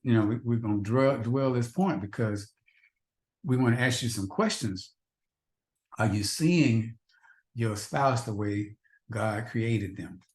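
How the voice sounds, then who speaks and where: A man's voice: mid-range voice, takes it slowly, long pauses, a little mellow. A man teaching a faith-based marriage class, earnest and repetitive, asking the husbands in the audience rhetorical questions. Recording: echoey room.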